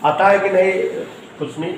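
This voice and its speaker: A man's voice: high-pitched, steady tone, moderate pace, echoey room, a little hiss or hum, rough recording. A man teaching a physics class, spelling out words letter by letter and asking his students questions as he goes. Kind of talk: classroom lecture.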